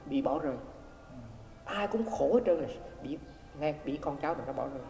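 A man's voice: fairly high pitch, expressive, fairly quick, gravelly, warm tone. A man, a Buddhist monk, giving a dharma talk as he tells a story, repeating words and acting out the quoted exchanges. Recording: echoey hall, dull lo-fi sound.

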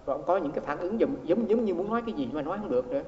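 A man's voice: fairly high pitch, expressive, very fast, a little hiss or hum. A man, a Buddhist monk, giving a dharma talk as he tells a story, repeating words and acting out the quoted exchanges. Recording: echoey hall, dull lo-fi sound.

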